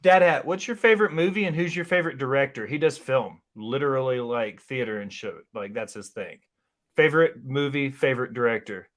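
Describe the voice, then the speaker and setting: A man in casual chat on a stream, teasing his friends and swearing freely in quick banter. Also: mid-range voice, fairly bright tone.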